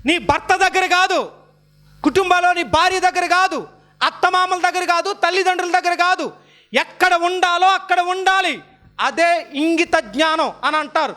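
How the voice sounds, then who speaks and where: A man's voice: extremely high pitch, moderate pace, bright, forceful tone. A man preaching a sermon as pastor, firing rhetorical questions at the congregation and repeating his key phrases for emphasis.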